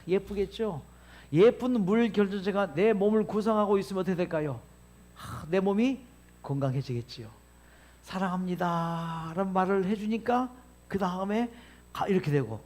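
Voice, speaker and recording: Male health lecturer, high voice with big swings, rhetorical questions to the room. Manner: animated, asks the audience questions and answers himself.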